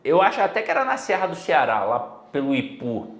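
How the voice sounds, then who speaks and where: A man's voice: on the high side, wildly swooping pitch, a little fast, roomy sound. A middle-aged Brazilian man giving a casual exam-prep Portuguese lesson, chatty and full of personal stories. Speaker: Portuguese teacher.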